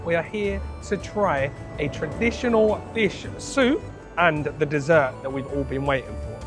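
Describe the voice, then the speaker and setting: A man's voice: a little high, measured pace, music in the background. A man hosting a food vlog, talking casually to viewers as he presents.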